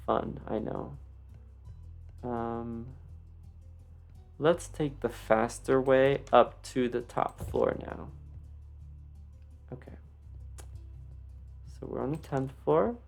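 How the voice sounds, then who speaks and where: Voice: mid-range voice, very slow, gravelly, long pauses, darkish tone, soft background music. A video creator with a slight lisp from wearing retainers gives a casual, unscripted tour commentary with rambling, self-deprecating asides. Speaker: video creator giving a game build tour.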